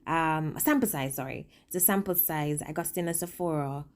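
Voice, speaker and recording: Female makeup vlogger, low voice, swollen lip, casual and chatty, emphatic delivery with rambling asides. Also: a little fast. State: speaking with a swollen upper lip. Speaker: makeup vlogger and working makeup artist.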